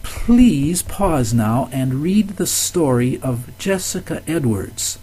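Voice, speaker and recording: An older man giving a recorded course lecture, telling anecdotes in a measured, instructive way. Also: a little high, animated, warm tone.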